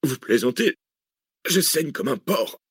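A man's voice: fairly high pitch, animated, moderate pace, a bit bright, husky, no room sound, clean studio sound, pitched above the performer's own voice. A man reading an audiobook, voicing a wounded male professor who speaks faintly and complains. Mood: weak. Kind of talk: audiobook character voice.

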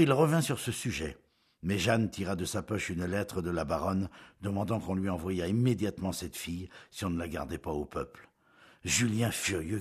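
A man narrating a classic novel as an audiobook in a measured, expressive storytelling manner. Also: sits low, husky.

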